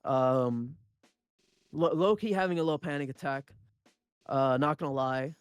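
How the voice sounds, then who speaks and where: This podcast co-host is a young man born into Punjabi, spinning a rambling story in casual chat, full of restarts and swearing. He speaks a little slowly in a smooth, mid-range voice, with faint music behind and no room sound.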